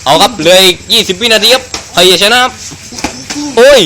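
High-pitched man giving excited boxing commentary, noisy recording. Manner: exclamatory, repeats phrases rapidly. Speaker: Muay Thai ringside commentator and announcer. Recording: noisy live event recording.

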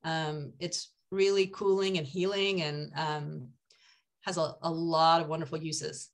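A woman's voice: sits low, flat delivery, unhurried. Chatty older woman on a video call. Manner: chatty and enthusiastic, frequent ums. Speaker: foraging guide. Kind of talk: casual presentation over slides. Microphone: webcam on a video call.

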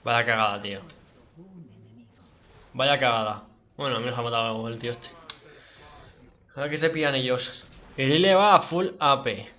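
A man comments on his game live, excitable and cursing freely at himself and his teammates. His voice is bright and forceful. The stream audio is dull and lo-fi. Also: medium pitch, normal speed, pauses often. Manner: excitable, swears a lot, talks to himself and teammates. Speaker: livestreaming gamer.

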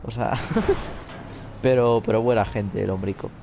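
A man's voice: lowish voice, fairly even intonation, unhurried, vocal fry. Give me a young man co-hosting a podcast, casual and crude, over a noisy background. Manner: crude, joking, laughs often. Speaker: podcast co-host. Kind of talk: casual chat while gaming.

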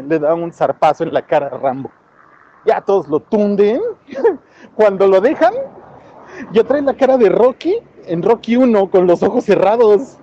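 A man's voice: high voice, measured pace, long pauses. A man with a Mexican accent recapping a film in casual chat, acting out the lines and chuckling often. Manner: animated storytelling, chuckles often, acts out quotes. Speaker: film reviewer. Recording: dull lo-fi recording with faint background noise.

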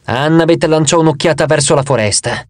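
A man narrating an audiobook in the first person, with expressive, dramatic storytelling. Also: fairly high pitch, brisk, no room sound, clean studio sound.

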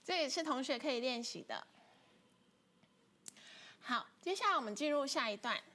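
A woman's voice: sits high, expressive, moderate pace, pushed and bright, slight background noise. A woman teaching an online flute class, patiently explaining technique step by step. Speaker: music teacher. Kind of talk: online instrument lesson.

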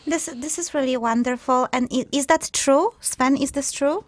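A young woman with a high voice co-hosts a live radio show at a normal speed, chatting, teasing and filling her talk with plenty of fillers. She's recorded on a studio microphone.

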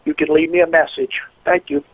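A man's voice: fairly high pitch, big pitch swings, brisk, creaky, slight background noise. A man's short recorded answering machine greeting, heard through a phone line. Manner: brief, plain recorded greeting.

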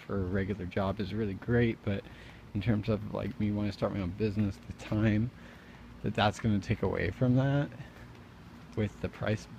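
Male vlogger, low gravelly voice, low-key and musing, recorded on a handheld outdoors at night with faint ambient noise. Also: a little mellow. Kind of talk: casual reflective vlog, talking to self. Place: outdoors on a residential street at night. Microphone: handheld camera or phone mic while walking.

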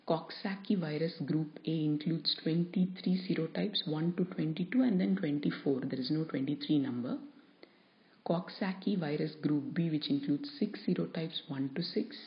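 A woman lecturer explaining a topic to students in a measured, explanatory way, stressing key terms. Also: low-pitched. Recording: dull lo-fi recording.

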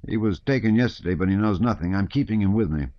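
A man's voice: fairly low pitch, fast, no echo, pitched above the performer's own voice, lightly acted. A man voicing a blunt, hot-tempered partisan commander who speaks heatedly, in a dull lo-fi audiobook recording. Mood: heated indignant.

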